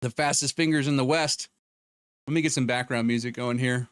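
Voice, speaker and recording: Speaking fairly quickly in a mid-range, slightly bright and smooth voice, a young man hosts a laid-back live stream at a desk mic in his home room. He jokes and reads off viewers' names and donations. The studio-quality sound has no echo, just faint background music.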